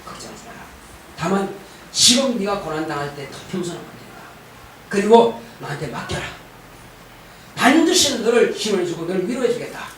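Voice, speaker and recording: A pastor voicing God as a gentle loving father. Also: high voice, sing-song, normal speed, slight background noise, voice pushed down. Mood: tender. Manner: soft, tender reassurance. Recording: very echoey church hall, distant mic.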